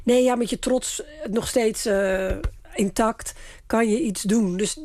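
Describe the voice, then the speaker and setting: A woman's voice: a little high, fairly even intonation, slow pace, darkish tone. A woman who works as a communication adviser, explaining political strategy step by step on a radio panel. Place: radio studio.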